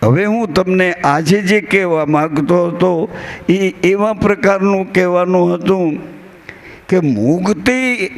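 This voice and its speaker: A man with a rural Gujarati accent giving a devotional discourse to a live gathering, telling stories in a folksy way and quoting verses and dialogue. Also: high-pitched. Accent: Gujarati, rural Saurashtra. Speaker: bhajan singer and spiritual speaker.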